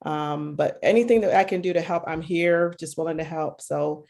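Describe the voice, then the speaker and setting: A woman's voice: deep voice, steady tone, normal speed, gravelly, darkish tone. Sincere woman from Michigan. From Michigan, USA. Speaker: clinical social worker. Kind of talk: online group meeting talk.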